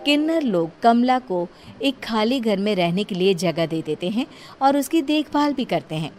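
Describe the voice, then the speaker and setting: A woman's voice: fairly high pitch, expressive, normal speed, darkish tone. A woman reading scripted story narration as the storyteller. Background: music.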